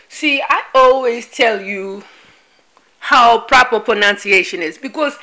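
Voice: medium pitch, bright, forceful tone, poor audio. A vlogger giving casual news commentary, repeating points and spelling out names like a teacher, with frequent laughs. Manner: laughs often.

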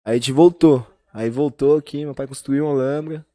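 A man's voice: medium pitch, fairly even intonation, moderate pace, warm tone, no echo. A young man from the São Paulo region, chatting on a podcast in slangy street talk. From São Paulo region, Brazil. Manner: slangy, fills with "mano" and "velho". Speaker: podcast guest, musician. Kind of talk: casual chat.

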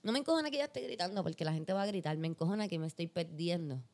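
Animated Puerto Rican woman telling a story. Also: lowish voice, racing. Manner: animated, acts out voices in her stories; mixes English into her talk. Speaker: podcast host. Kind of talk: casual storytelling chat.

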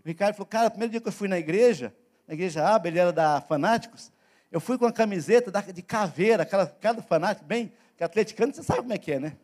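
High-voiced pastor preaching, from Brazil. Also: male voice, lively intonation, very fast, a little mellow. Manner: conversational preaching, jokes, swells to emphatic calls. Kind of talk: sermon. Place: church service.

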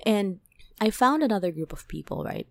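A woman hosting a podcast, telling a dream story in a casual, animated way, packed with "like" and "right?", her voice climbing high when excited. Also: moderate pace, gravelly. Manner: animated, many fillers like "like" and "right?". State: toothache, on medication. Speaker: podcast host.

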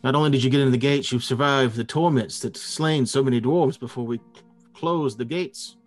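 A man's voice: mid-range voice, normal speed, faint music behind, natural voice. A man voicing a wary dwarven guardian in a fantasy tabletop game, questioning strangers with a suspicious, muttering manner. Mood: troubled, wary.

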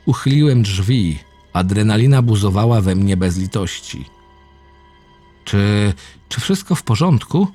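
A man reading a first-person horror story aloud, low and intense with dramatic swings. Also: warm tone. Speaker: narrator. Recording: faint music behind the voice.

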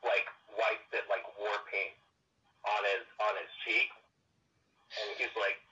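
A man playing a tabletop roleplaying game over a call, his voice thin and tinny like a walkie-talkie with no bass, halting and restarting as he thinks aloud. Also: level tone, bright, forceful tone. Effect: thin, tinny walkie-talkie-like sound with no bass. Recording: faint lo-fi mic far from the speaker.

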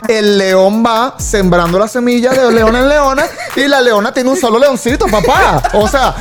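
A man with a Venezuelan accent in casual chat, animated, joking and arguing his point. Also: extremely high pitch, moderate pace.

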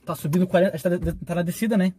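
Young guy with a high voice rattling off a story fast, slangy and rambling, faint hiss behind. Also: fairly even intonation, mellow, breathy edge. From southern Brazil. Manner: rambling, slangy, quick anecdotes with frequent "tá ligado". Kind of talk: casual storytelling among friends.

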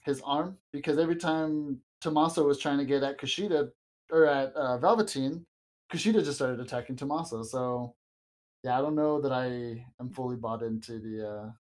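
Crammed into a small closet, a podcast co-host reviews a wrestling show in a mid-range, darkish voice at a moderate pace, captured on a low-quality recording. He rambles loosely and chattily, with frequent laughs and filler words.

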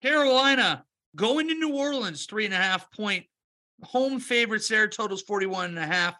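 A man co-hosting a casual sports podcast, talking through playoff scenarios and betting picks in a quick, wry way. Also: high voice, expressive, sharp tone. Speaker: podcast co-host, picks analyst.

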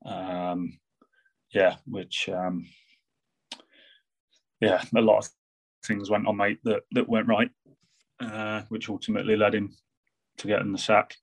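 A former footballer with an English Midlands accent, talking in a casual podcast interview with halting, restarting sentences. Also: male voice, fairly low pitch, little pitch movement, rough recording. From England. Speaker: football manager and former player.

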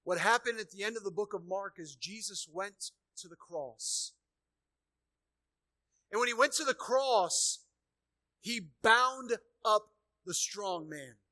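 A pastor preaching a sermon, who repeats key phrases and swings between hushed low passages and loud emphatic peaks. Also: male voice, takes it slowly, long pauses, dry recording. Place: church sanctuary.

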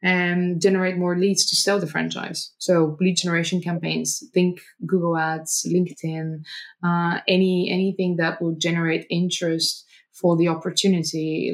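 Woman, low-pitched, interview guest, explanatory, frequent fillers. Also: poor audio. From Bulgaria. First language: Bulgarian. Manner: fluent and explanatory, with frequent ums and restarts. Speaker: guest, marketing agency director. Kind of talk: conversational interview answers.

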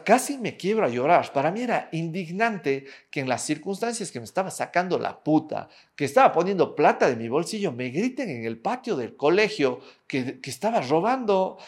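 A man, candidly telling personal stories and swearing often. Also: on the high side. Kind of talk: personal storytelling monologue.

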